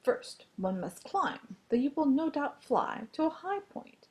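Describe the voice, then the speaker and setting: A woman's voice: high voice, very animated, unhurried, darkish tone, pitched above the performer's own voice. A woman voicing an exceedingly polite, pompous male pig in a storybook read-aloud, talking formally and fussily. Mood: stately. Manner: formal, fussy, hesitant.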